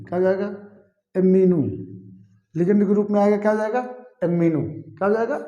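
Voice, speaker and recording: A man's voice: high-pitched, steady tone, a little fast, mellow, echoey room, muffled recording. A man teaching a chemistry lesson, who keeps repeating key terms and quizzing his students with "what will it be called?". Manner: addresses students as "bhaiya" and "ji". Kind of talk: classroom lecture.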